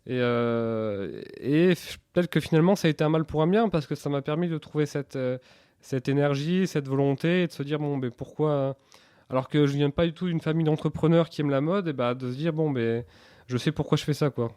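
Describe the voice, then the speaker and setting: A man in his thirties speaks in a fairly high voice with very little room sound. He answers interview questions candidly and earnestly, often hesitating and restarting on a repeated word. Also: brisk, dark tone, clear, resonant tone, no room sound, clean studio sound. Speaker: interview guest, entrepreneur.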